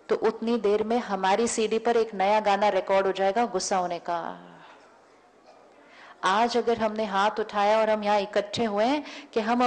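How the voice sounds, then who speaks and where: A woman giving a public spiritual lecture, telling everyday stories and acting out both sides of the dialogue, often repeating key words. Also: mid-range voice. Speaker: spiritual teacher. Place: lecture hall before an audience.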